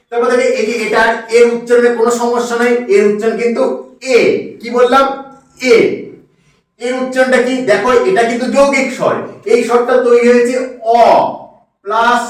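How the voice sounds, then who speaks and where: A man teaching an online lesson, repeating each point and quizzing the viewer. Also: high voice. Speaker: Bengali language teacher. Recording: echoey room, mic far off.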